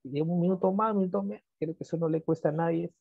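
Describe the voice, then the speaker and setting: A man's voice: a little high, steady tone, racing, creaky, no room sound. A male computer maintenance teacher giving a chatty screen-share class, often checking that his students follow along. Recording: phone-like narrow band.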